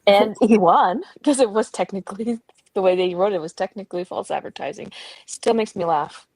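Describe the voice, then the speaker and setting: A woman hosting a reading livestream from home, chatting casually and telling stories in a relaxed way. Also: mid-range voice, moderate pace, breathy edge, no echo, poor audio. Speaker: sprint host on a reading livestream. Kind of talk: casual chat. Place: at home with her dog.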